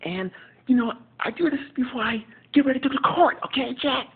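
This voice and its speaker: A man voicing a fussy, exasperated male lawyer who scolds in a loud, high-pitched voice. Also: a little fast, breathy edge, full character voice. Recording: tinny phone-like recording.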